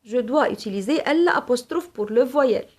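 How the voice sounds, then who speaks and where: A woman's voice: a little high, lively intonation, moderate pace. A woman teaching a French grammar lesson, spelling out letters and listing examples one by one. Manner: switches between French, Arabic and English to explain. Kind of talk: slow, deliberate classroom lesson.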